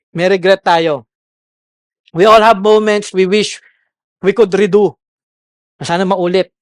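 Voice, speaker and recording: A man's voice: high voice, clear, resonant tone, no room sound, studio quality. A man preaching a Sunday sermon as pastor, switching between Tagalog and English and checking in with the congregation. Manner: mixes Tagalog and English, keeps asking the congregation "okay?".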